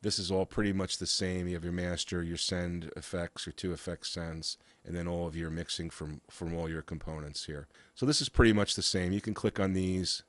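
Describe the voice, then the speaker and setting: A man with a cold and a raspy voice, walking through software in a casual, halting way with frequent uhs and restarts. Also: deep voice, steady tone, dry recording. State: has a cold. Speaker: software reviewer. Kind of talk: casual screen-share walkthrough.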